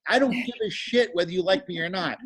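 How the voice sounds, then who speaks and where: A male comedian in casual chat, animated, acting out audience members with plenty of swearing. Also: high voice, quick pace.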